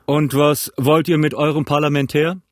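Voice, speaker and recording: A man's voice: medium pitch, lively intonation, a little slow, no echo, clean studio sound. A man voicing a stern, wary ship's captain who gives curt orders in an audiobook. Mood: commanding. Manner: curt, commanding. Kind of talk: audiobook character voice.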